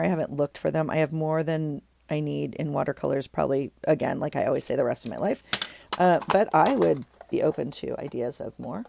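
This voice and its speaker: Deep, gravelly, and dark in tone, this middle-aged woman's voice sounds stuffed up. She's a craft vlogger chatting informally over a project, musing aloud and often restarting with lots of ums.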